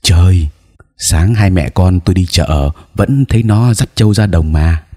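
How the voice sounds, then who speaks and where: A man voicing a frightened village mother who asks hurried, alarmed questions. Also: low voice, dark tone. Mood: shocked.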